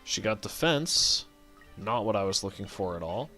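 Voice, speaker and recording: A man's voice: on the low side, animated, normal speed, sharp tone, soft background music. A man giving casual gameplay commentary as a let's play host, rambling, correcting himself and swearing offhand as he thinks aloud.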